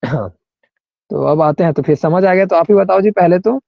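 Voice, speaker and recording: A man's voice: high-pitched, moderate pace, gravelly, no room sound. Guy teaching grammar online, keeps asking students if they get it, dry dull audio. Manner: explains with repeated checks, questions students by name. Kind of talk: online class explanation.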